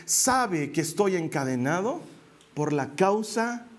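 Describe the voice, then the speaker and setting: A preacher playing the apostle Paul as a joyful, defiant prisoner speaking boldly in the first person during a sermon. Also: male voice, sits high, big pitch swings, takes it slowly, pitched below the performer's own voice, full character voice. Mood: cheerful defiant. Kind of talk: sermon role-play.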